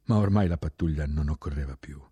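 A man reading a literary war memoir aloud, slow and reflective, dropping to a near whisper at times. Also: extremely low pitch, dark tone, husky, no echo, lo-fi sound. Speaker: narrator.

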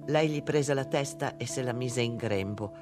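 Guy reading a story slow and hushed, mid pitch, soft music behind. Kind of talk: audiobook narration.

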